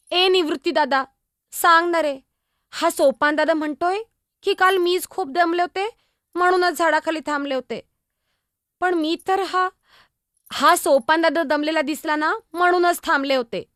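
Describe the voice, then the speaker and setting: एका स्त्रीने साकारलेली लहानगी मुक्ताई, अवखळ, गप्पिष्ट, खूप उंच आवाज, एकपात्री नाटक. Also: female voice, extremely high pitch, a little slow, long pauses, a bit bright, no echo, studio quality. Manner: chatty, teasing, innocent, exclamatory. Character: young girl, Muktai, lively younger sister. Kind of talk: solo stage monologue.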